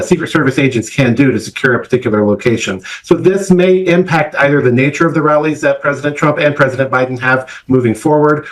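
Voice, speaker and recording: A middle-aged man speaks as an academic guest in a news interview, weighing his words carefully. His pitch sits in the middle range for a man. He pauses often with "uh" and "um" as he builds his points. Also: poor audio. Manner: measured, academic, many "uh" and "um" fillers. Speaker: political science professor, interview guest.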